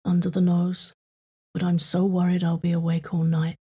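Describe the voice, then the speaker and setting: A woman leading a guided tapping meditation for sleep, speaking in slow, soothing, repetitive prompts. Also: lowish voice, monotone, mellow, husky.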